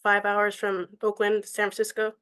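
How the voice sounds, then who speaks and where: A woman's voice: medium pitch, monotone, normal speed, a bit bright, smooth. A woman from California, a student asking a question, who hesitates and searches for her words. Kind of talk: casual conversation.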